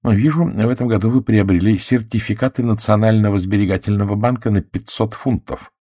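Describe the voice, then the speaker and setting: A man voicing a shrewd, courteous middle-aged detective who questions in a gentle, self-assured way, in an audiobook. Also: fairly low pitch, brisk, no echo, studio quality, pitched above the performer's own voice, natural voice. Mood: probing. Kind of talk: audiobook character voice.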